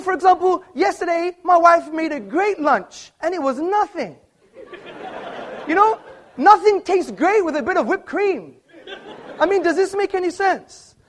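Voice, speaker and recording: A man giving an argumentative opening speech in a formal debate, speaking on stage in an auditorium before a live audience. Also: extremely high pitch. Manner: emphatic, argumentative, quoting books.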